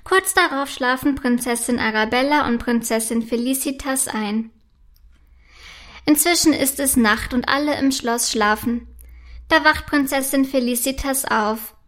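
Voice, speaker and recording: A woman narrating a children's bedtime story in a gentle, even storytelling manner. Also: high voice, unhurried.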